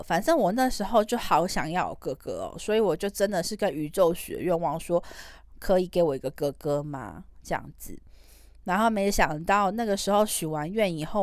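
A woman's voice: lowish voice, no echo, clean studio sound. Chatty Taiwanese woman telling a story. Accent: Taiwanese Mandarin. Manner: chatty, rambling, trailing particles. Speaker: podcast host. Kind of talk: casual storytelling monologue.

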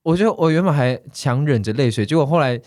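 A man's voice: medium pitch, lively intonation, quick pace, a little mellow, dry recording. A young man, co-hosting a casual chat and telling stories with frequent laughs. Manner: chatty storyteller, laughs often. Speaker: podcast co-host.

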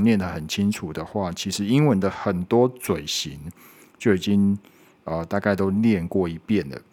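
With a darkish tone and a voice on the lower side, a male English pronunciation teacher leads a spoken lesson. Each sound gets a slow, patient demonstration and several repetitions, punctuated by frequent quick "OK"s.

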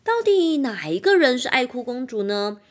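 A woman teacher reads a picture book aloud to young children, playful and animated. Her voice sits high and swoops widely as she tells the story. She keeps turning to the listeners with questions. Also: moderate pace.

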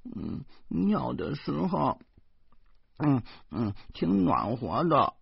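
A man voicing a whiny five-year-old boy in a high, wheedling child's voice, in a dull lo-fi recording. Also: slow pace, dry recording, heavily acted. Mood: content.

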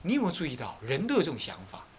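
A man's voice: on the high side, racing, breathy edge. Taiwanese abbot guy preaching, tells stories, swings his voice all over. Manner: animated storytelling, acts out scolding voices, asks the listeners questions. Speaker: abbot and Buddhist teacher. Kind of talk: dharma talk with personal stories.

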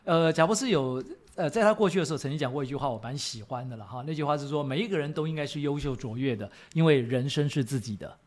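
Quick-talking man, calm explainer. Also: a little high. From Taiwan. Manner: calm, explanatory, asks "right?" often. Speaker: podcast co-host. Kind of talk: casual advice chat.

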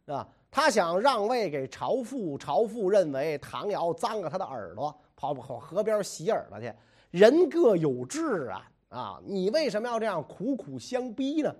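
A man's voice: high voice, sing-song, unhurried, a little mellow, heavily acted. A man voicing an aloof, mocking hermit scholar who drawls offhand remarks. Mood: languid.

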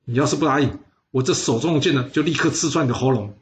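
A man's voice: medium pitch, quick pace, close to an everyday voice. A man doing a scheming hot-tempered noble. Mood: angry. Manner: forceful, threatening declarations.

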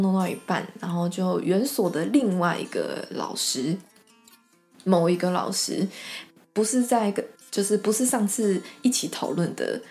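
A young woman tells a story on her podcast, chatting casually and drifting into soft whispered asides. Her voice sits at a medium pitch for a woman. Faint music plays underneath. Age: young adult. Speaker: podcast host and children's class teacher.

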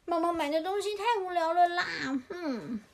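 A woman voicing a bunch of greedy, pouty little chicks in a bedtime storybook reading, high and eager. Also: lively intonation, normal speed. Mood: sulky.

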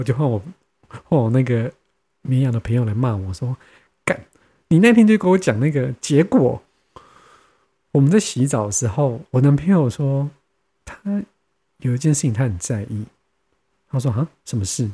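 A man's voice: mid-range voice, dark tone, husky. A young man with a Taiwanese Mandarin accent hosting a podcast, telling stories in casual chat and acting out his friends' lines. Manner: chatty, acts out friends' lines, laughs often. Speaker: podcast host.

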